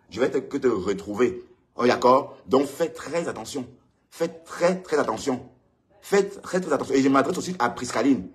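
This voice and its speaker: A man hosting his own live stream alone with a ring light. He rants heatedly at rivals, repeating his warnings, and his pitch jumps up when he gets worked up. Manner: heated, repetitive, addresses rivals directly. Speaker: online show host. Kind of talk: solo live-stream rant.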